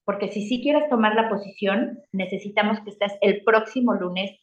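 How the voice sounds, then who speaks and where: Guest, woman, middle-aged, Mexican accent; animated storyteller in a roomy, slightly dull recording. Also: medium pitch, moderate pace. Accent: Mexican Spanish. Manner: animated, acts out her own past reactions. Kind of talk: casual storytelling interview.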